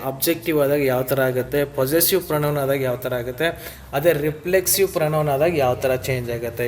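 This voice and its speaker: A man's voice: on the high side, darkish tone. Kannada-accented male grammar teacher. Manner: switches between Kannada and slowly read English example sentences. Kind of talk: lesson explaining grammar in Kannada.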